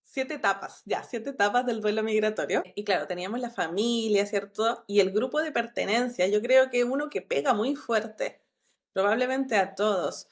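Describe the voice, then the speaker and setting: A woman hosting a podcast, asking her guest questions in a relaxed, conversational way. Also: on the high side, normal speed. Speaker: podcast host.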